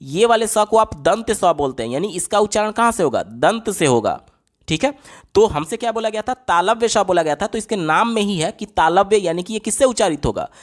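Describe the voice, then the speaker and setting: A man's voice: high-pitched, lively intonation, a little fast. A man explaining exam questions step by step as a teacher, often asking a question aloud and then answering it himself. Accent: Hindi. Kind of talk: explaining lesson on screen.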